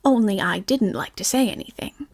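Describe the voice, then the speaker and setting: A woman voicing a fussy, self-important male rabbit in whispered role-play, brisk and prim. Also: medium pitch, natural voice. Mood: stern.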